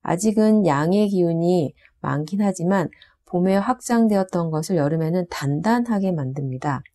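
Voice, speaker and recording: A woman giving a calm, explanatory lecture on Korean astrology, pausing now and then with short fillers. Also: on the low side. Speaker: saju instructor.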